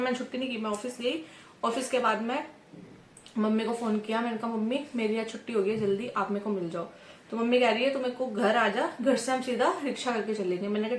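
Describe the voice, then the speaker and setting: A woman's voice: fairly high pitch, echoey room, slight background noise. A young woman from India chatting casually to camera in a vlog, telling a story and acting out the back-and-forth with others. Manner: chatty, often adds "ठीक है" and acts out dialogue. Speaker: vlogger.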